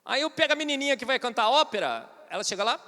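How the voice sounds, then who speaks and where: A man's voice: extremely high pitch, very animated, fast, pushed and bright. A man with a Brazilian Portuguese accent giving a humorous, irreverent conference talk in a church, addressing the audience directly. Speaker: conference speaker. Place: large church hall. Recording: long hall reverb.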